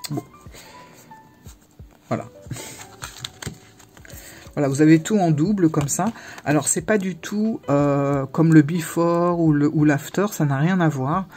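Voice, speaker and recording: Chatting to the camera about her tarot decks, a woman vlogger speaks haltingly, cutting herself off with frequent pauses. Her low-pitched voice is mellow, with soft background music.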